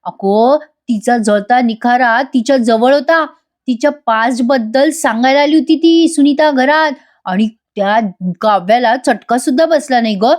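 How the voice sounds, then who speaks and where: A woman's voice: on the high side, measured pace, darkish tone, lightly acted. A woman voicing a young scheming daughter who talks urgently. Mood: coaxing.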